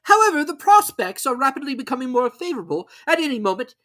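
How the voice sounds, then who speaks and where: Storybook owl, put on by a narrator: high, swooping, pompous and wordy, formal to a fault. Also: big pitch swings, quick pace, fairly bright tone. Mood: self-important. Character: pompous, long-winded owl using grand words.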